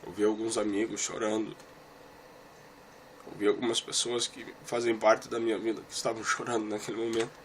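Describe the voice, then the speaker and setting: A man's voice: lowish voice, level tone, brisk, slight background noise. A man giving a personal religious testimony about a vision. He speaks earnestly and emotionally to one listener and repeats his phrases. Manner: talks straight to one listener.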